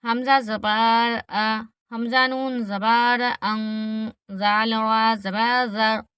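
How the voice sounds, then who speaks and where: A woman teaching Quran reading, spelling each letter with its vowel mark and then blending the word, with quick explanations of the rules between recitations. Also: on the high side, level tone, a bit bright, clear, resonant tone, no room sound. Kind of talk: slow letter-by-letter recitation lesson.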